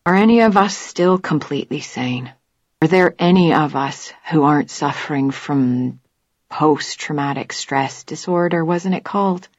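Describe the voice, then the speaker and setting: A bold, stout woman with a New York accent, as a female narrator puts her on, talking earnestly and low. The sound is dry and close with a slightly dull, muffled quality. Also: unhurried, no room sound. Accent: New York with mock Irish.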